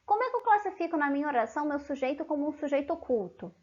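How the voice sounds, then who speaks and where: A woman's voice: high-pitched, animated, racing, a little mellow, lo-fi sound. A Brazilian woman giving an online language lesson in a chatty manner, often checking in with her students. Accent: Brazilian Portuguese. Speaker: language teacher.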